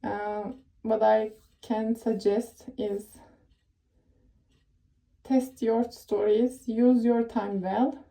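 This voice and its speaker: This young Turkish tech worker talks extremely slowly, pausing often, in a gravelly, dark, level voice on the high side. She gives chatty, rambling career advice with a Turkish accent, full of fillers and self-corrections, and the recording is rough.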